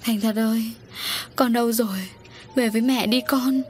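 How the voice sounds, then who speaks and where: A woman's voice: fairly high pitch, fairly even intonation, moderate pace, music in the background, pitched above the performer's own voice, close to an everyday voice. A woman voicing a distraught young mother who pleads and wails for her missing child in a storybook reading. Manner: wailing, pleading. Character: grieving young mother, frantic over a lost child.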